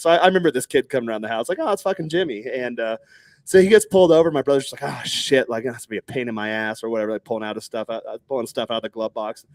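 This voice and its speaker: Brief: man in his thirties from Texas, animated storyteller in a rapid, dry-sounding podcast chat. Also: medium pitch, dry recording. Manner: animated, acts out other people's lines in raised voices, swears freely.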